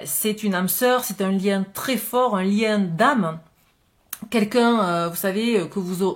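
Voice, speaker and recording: Woman, oracle card reader, gentle, reassuring, mid-range voice, thinking aloud. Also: mid-range voice. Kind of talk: spiritual love card reading.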